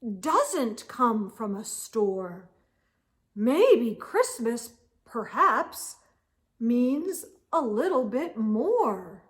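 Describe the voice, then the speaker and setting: A woman voicing a sly, gloating, scheming Grinch in a children's storybook read-aloud, with a smug, sing-song, drawn-out delivery. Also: fairly high pitch, big pitch swings, heavily acted. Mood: puzzled, softening.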